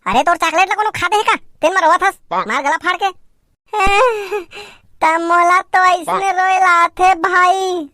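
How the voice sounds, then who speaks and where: A woman's voice: very high voice, sharp tone, no echo, clean studio sound, exaggerated voice. A woman voicing playful village children in a cartoon, speaking with a Chhattisgarhi accent in teasing, giggly banter. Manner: teasing, giggly, quick back-and-forth banter. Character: playful bickering village kids staging a doll wedding. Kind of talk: cartoon comedy voice acting.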